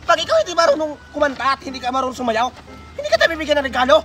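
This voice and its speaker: A performer voicing a loud, bossy woman who hands out Christmas gifts, shouting and scolding bluntly in a comedy skit, with music behind. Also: high-pitched, sing-song, very fast. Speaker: gift giver.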